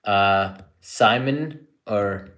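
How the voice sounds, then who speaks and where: Relaxed, low-voiced man in an echoey room. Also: drawn-out words. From born in India, grew up in Canada. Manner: relaxed and chatty, with frequent restarts. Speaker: psychiatrist hosting a live Q&A. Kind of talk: casual live-stream chat answering viewer questions.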